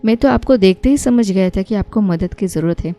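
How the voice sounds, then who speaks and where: A woman voicing a boastful, teasing young husband in a spoken horror story, her tone soft and mellow. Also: mid-range voice, fairly quick, soft background music, close to an everyday voice. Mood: bantering. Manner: teasing, brash. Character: young married man, joking, boastful husband.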